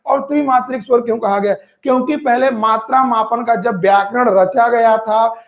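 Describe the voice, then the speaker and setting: A man's voice: extremely high pitch, steady tone, moderate pace, highs cut off. A man teaching Hindi grammar in an exam-prep lecture. He drills each term by repetition, asks questions and answers them himself, and speaks straight to his students. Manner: addresses students directly.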